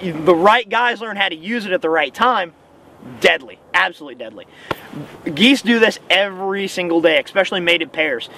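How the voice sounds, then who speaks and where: A man's voice: high voice, lively intonation, moderate pace, pushed and bright. A man giving casual, emphatic instruction as a hunting coach, often repeating phrases for stress. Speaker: goose-calling instructor and hunter. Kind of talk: casual instructional talk to camera. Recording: outdoor hum and faint vehicle noise.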